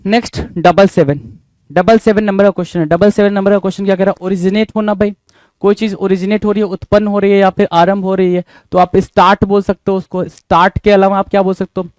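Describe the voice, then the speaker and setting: Man, vocabulary teacher, high voice, dry close sound, repeats quiz questions. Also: level tone, quick pace, darkish tone, dry recording. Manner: repetitive quizzing asides. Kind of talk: exam vocabulary lesson.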